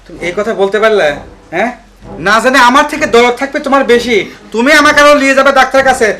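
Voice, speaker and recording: A man playing a fast, scolding worried father. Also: very high-pitched, pushed and bright. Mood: reproachful. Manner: fast, reproachful questioning. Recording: echoey room, mic at a distance, music underneath.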